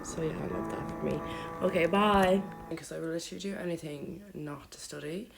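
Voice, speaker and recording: A young woman in her twenties chatting rambly in a vlog, full of "like" and "um", her voice hoarse and congested and sometimes fading to a whisper. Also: sits low, fairly quick, over music, poor audio. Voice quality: gravelly, sometimes dropping to a whisper. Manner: rambling, peppered with "like" and "um". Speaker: vlogger. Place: at home and in her car.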